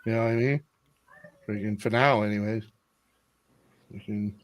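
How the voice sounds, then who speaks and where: A man's voice: lowish voice, steady tone, moderate pace, dry recording. A man hosting a casual livestream, rambling along and swearing freely in a dry-sounding space.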